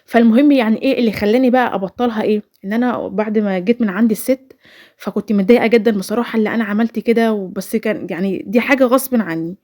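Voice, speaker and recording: Fast-talking Egyptian woman vlogger. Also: medium pitch, a little mellow. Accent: Egyptian Arabic. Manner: chatty, rambling, with many restarts and fillers. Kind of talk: casual voice-over storytelling.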